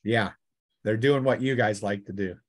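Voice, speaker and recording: A man with a voice on the low side and a moderate pace serves as game master for a tabletop role-playing game. He narrates casually and off the cuff, acting out vocal sound effects and cries along the way.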